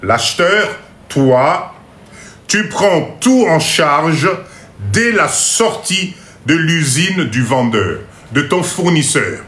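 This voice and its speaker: Slow, bright-voiced man teaching a live class. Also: fairly high pitch, very animated, reverberant. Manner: slow, repeats each point and checks the audience; mixes in Lingala phrases and jokes about his English. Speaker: trainer of a live import-export class. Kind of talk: live online lesson.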